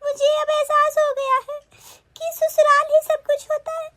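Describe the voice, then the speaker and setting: A woman's voice: extremely high pitch, flat delivery, unhurried, fairly bright tone, no echo. A woman voicing a tearful, pleading cartoon woman. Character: proud married sister-in-law, later remorseful. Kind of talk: Hindi cartoon voice acting.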